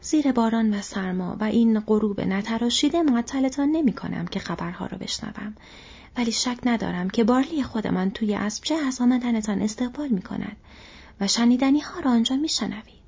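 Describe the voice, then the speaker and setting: A woman voicing a wary male village gatekeeper in a brisk, raised voice. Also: on the high side, darkish tone, husky, pitched above the performer's own voice. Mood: gruff welcome. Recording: dull lo-fi recording.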